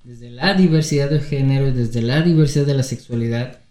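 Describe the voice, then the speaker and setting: A man's voice: medium pitch, brisk, dark tone, reverberant. A man, hosting an interview and thinking aloud through long, winding questions. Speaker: interview host, sexologist.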